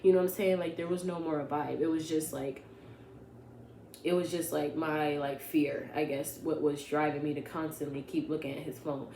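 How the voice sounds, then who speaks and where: A woman's voice: low-pitched, fairly even intonation, moderate pace, warm tone. A young woman casually telling a personal story to her vlog audience, sarcastic and full of "like" and "you know what I'm saying". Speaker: vlogger. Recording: roomy echo with faint hum.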